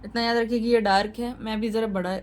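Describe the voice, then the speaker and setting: A woman's voice: fairly high pitch, fairly even intonation, fast talker, a little mellow, slight background noise, poor audio. A woman teaching a shorthand lesson, explaining each point patiently and repeating key points to reassure her students. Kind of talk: tutorial lesson.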